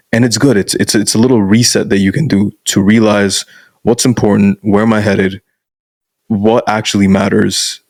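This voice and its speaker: Here a young guest coach who grew up in Canada chats casually on a podcast, blunt and frank, sprinkling "bro" throughout. His low-leaning voice has vocal fry and a slightly mellow quality, with no room sound in the recording.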